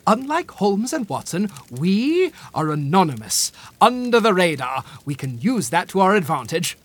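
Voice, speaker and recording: A woman's voice: fairly low pitch, big pitch swings, moderate pace. A woman playing a pompous, fussy, theatrical amateur detective in an audio comedy drama, with grand and wordy phrasing. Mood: fussy, insistent.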